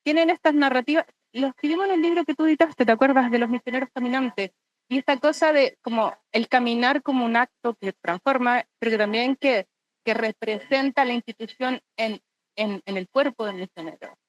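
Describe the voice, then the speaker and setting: A woman's voice: on the high side, fairly quick, muffled recording. A woman giving a casual academic comment at a symposium, stumbling and repeating words. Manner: stumbling, repeats words, laughs while talking.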